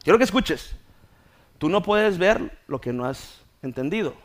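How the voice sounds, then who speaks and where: A man from Mexico, a pastor, preaching a sermon that swings from quiet, close talk to loud, fervent preaching. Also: high-pitched, animated, unhurried. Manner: acts out scenes with playful voices.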